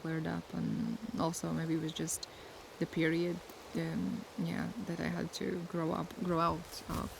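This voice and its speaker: A young Latvian woman, a native Latvian speaker and ASMR creator, chats softly in a casual Q&A, slow and thoughtful as she pauses to search for words. Her low voice stays level and flat, threaded with gravelly fry, while steady sea waves wash behind her outdoors.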